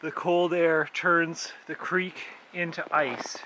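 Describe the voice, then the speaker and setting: A man's voice: fairly high pitch, level tone, takes it slowly. A man co-hosting an outdoor vlog in a casual, conversational way. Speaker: vlog co-host. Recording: clear outdoor background noise.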